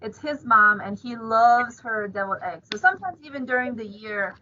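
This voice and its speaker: High, bright-voiced woman game show host. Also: moderate pace, dull audio, a little hiss or hum. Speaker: quiz co-host and scorekeeper. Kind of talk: casual game show hosting and chat.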